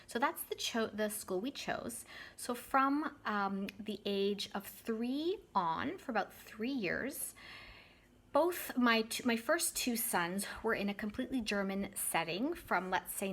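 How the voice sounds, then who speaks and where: A little hiss or hum sits under the medium-pitched, slightly bright voice of a Canadian vlogger and English teacher in her thirties. Talking casually to camera, she is chatty, addresses viewers directly and warmly, and keeps correcting her word choices.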